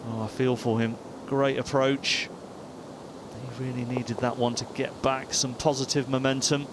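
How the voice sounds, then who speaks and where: A man giving golf commentary as an expert former player, measured and sympathetic as he analyses each shot. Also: medium pitch, little pitch movement, background noise.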